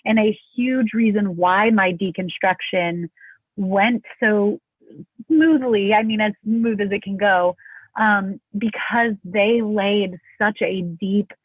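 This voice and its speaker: A woman speaking as a podcast guest in casual conversation, reflective and slowing down to stress key words. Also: medium pitch, breathy edge, dry recording. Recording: dry, phone-like remote line.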